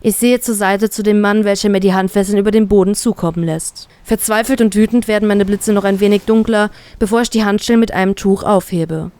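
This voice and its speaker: A woman calmly reading a first-person fanfiction story aloud. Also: medium pitch, a little fast, few pauses, no echo. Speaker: fanfiction reader.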